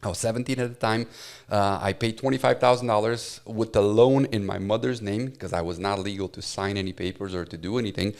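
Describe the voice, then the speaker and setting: A man in his forties with a fairly low voice, born and raised in Romania and a native Romanian speaker. He gives an earnest, heartfelt personal testimony as an interview guest. He often pauses on "uh" as he tells his story. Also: steady tone. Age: 40s. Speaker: guest, professor.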